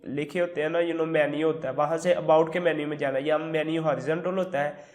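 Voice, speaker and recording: A man with a sore throat giving a relaxed, step-by-step screen tutorial, mixing English words into his explanations. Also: a little high, fairly quick. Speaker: tutorial host. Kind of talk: screen-recorded tutorial walkthrough.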